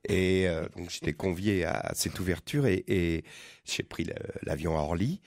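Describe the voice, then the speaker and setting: A man's voice: sits low, a little slow, a little mellow, no room sound. A man on a radio panel telling a funny personal story in casual banter.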